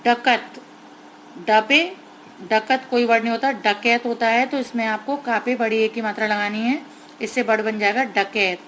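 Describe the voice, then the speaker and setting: A woman teacher slowly explaining a grammar lesson to young children, sounding out words carefully and mixing in English words. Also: a little high, fairly even intonation, a bit bright, slight background noise, low-quality recording.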